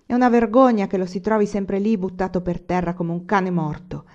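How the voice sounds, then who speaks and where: A woman voicing a scornful old male miller in a storybook reading, shouting and jeering. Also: mid-range voice, steady tone, a little fast, lo-fi sound, lightly acted. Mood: scolding.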